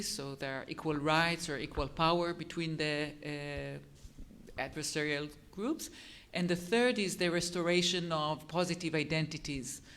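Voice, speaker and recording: A psychologist on a panel, explaining concepts in a measured academic way. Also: male voice, a little high, a bit bright, clean tone.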